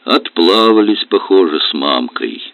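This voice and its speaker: A man voicing a weary, gruff barge captain and husband in a low, heavy voice, reading an audiobook. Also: animated, measured pace, no room sound. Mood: despairing. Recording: dull lo-fi recording.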